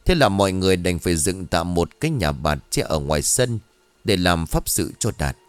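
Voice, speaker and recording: A man narrating a scripted ghost story in an expressive, dramatic storytelling manner. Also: low voice, normal speed, no echo. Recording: dry close studio voice over faint music.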